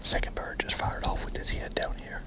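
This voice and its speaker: A man in whispered role-play, out of breath as he narrates his hunt in a hushed whisper while hiking a steep forested mountain ridge outdoors. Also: moderate pace. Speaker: hunter filming his hunt.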